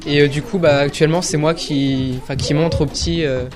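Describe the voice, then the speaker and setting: A man's voice: a little high, steady tone, a little fast, over music. A man giving casual interview answers as a senior member of a troupe.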